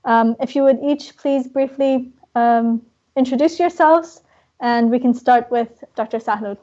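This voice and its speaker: A woman's voice: fairly high pitch, measured pace, mellow. A woman moderating an online panel, introducing guests politely with frequent fillers. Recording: muffled online broadcast audio.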